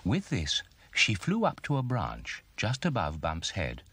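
Deep, animated storybook narrator man. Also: a little slow, very noisy. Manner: expressive, storytelling.

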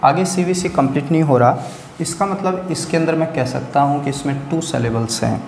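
A man's voice: on the high side, brisk, gravelly, a little mellow. A man teaching English grammar in an exam-prep lecture, explaining step by step and often checking that students follow. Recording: echoey hall with faint hiss.

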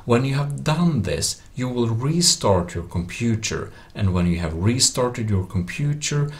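A tech tutorial presenter with non-native English phrasing narrates a screen recording casually, explaining as he goes. His medium-pitched voice is sing-song and a little slow.

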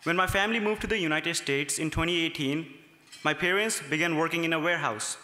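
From the podium of a large, ornate hotel ballroom, a young Nepali student reads his prepared gala speech earnestly from notes. His fairly high voice sounds bright and forceful and moves fairly quickly, picked up by podium microphones with the long reverb of a big hall.

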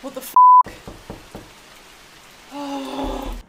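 A woman's voice: high-pitched, completely flat delivery, extremely slow, gravelly. A young woman streaming a horror game as a panicking gamer, gasping, shrieking and swearing. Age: young adult. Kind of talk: horror game livestream commentary. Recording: distant mic, loud game noise, clicks.

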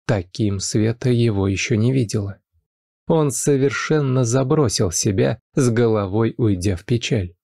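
A man narrating a scripted life story in a calm, even way, with a mellow, dry voice. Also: mid-range voice, normal speed, gravelly, no echo.

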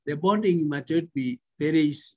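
A middle-aged Kenyan man with a husky voice, a pastor giving a deliberate, emphatic exhortation over a video call. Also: on the high side, warm tone. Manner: deliberate, emphatic phrasing with pauses. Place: small indoor room. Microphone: computer mic on video call.

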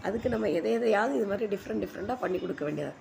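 A woman giving an informal recipe voice-over as a home cook, her voice hoarse and giving out. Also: mid-range voice, lively intonation, very fast, darkish tone. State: hoarse, voice giving out from a cold-weather strain. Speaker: home cooking video host. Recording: noisy home voice-over recording.

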